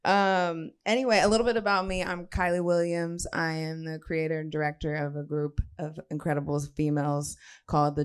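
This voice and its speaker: A woman's voice: deep voice, darkish tone, smooth. A woman moderating a live panel at an event, talking casually and upbeat with a handheld mic. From Los Angeles. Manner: casual, upbeat, quick asides. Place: event venue. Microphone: handheld mic passed around.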